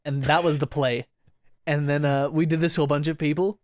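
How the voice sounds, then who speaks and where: A man's voice: on the high side, fairly even intonation, brisk, dry recording, clean studio sound. A young man co-hosting a podcast, telling stories in a rambling way, laughing often and acting out quoted voices. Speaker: podcast co-host. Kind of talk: casual chat.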